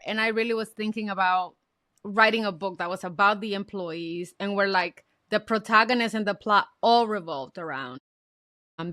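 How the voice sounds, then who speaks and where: Bright-voiced earnest woman author. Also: mid-range voice, no echo, studio quality. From Dominican Republic. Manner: earnest, reflective, building to passionate points. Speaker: author guest. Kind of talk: podcast interview.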